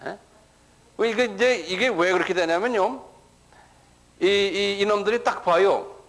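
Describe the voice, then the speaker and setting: A man's voice: high-pitched, a little slow, a bit bright, low-quality recording. A middle-aged male pastor giving a sermon-style lecture, who keeps checking with the audience and repeats words as he starts a thought.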